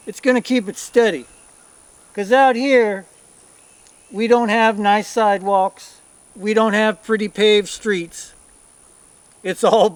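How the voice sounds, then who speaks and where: A man's voice: high-pitched, clear, resonant tone, dry recording. A man giving a casual, plain-spoken video review as a rancher, recorded outdoors.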